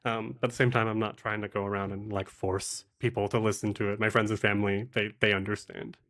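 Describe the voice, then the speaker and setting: Talking fast in a fairly low, slightly bright voice with a level tone, an actual play game master and producer offers advice as a podcast guest. The conversation is relaxed, and he now and then voices hypothetical comments while explaining.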